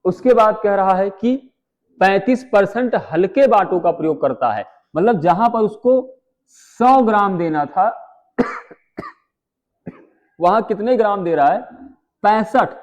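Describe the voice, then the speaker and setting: Male maths tutor, high voice, muffled lo-fi audio, chatty and quizzing. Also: animated. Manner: chatty, asks students quick questions. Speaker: maths teacher. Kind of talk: live online exam-prep class.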